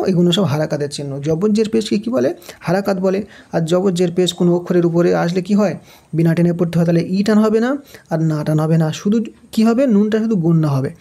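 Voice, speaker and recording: A man teaching Quran recitation step by step, spelling out letters and vowel marks, asking questions and answering them himself, and now and then chanting a verse slowly. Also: high-pitched, mellow. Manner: drills letter by letter, asks and answers his own questions. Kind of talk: step-by-step Quran reading lesson.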